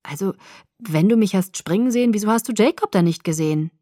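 A woman's voice: mid-range voice, brisk, warm tone, no room sound, studio quality, natural voice. A woman voicing an anxious young woman who pleads urgently. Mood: earnest.

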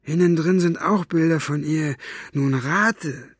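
A man's voice: takes it slowly, breathy edge, no echo. A coarse, irritable henchman who grumbles in a voice pushed well above the reader's own, as a man puts him on. It sounds dry and close. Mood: grumbling. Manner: grumbling, raised pitch.

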